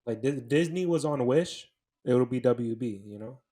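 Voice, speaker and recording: A man's voice: mid-range voice, moderate pace, dark tone. A man co-hosting a podcast in casual chat, easygoing and hesitant, often restarting his sentences. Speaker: podcast co-host.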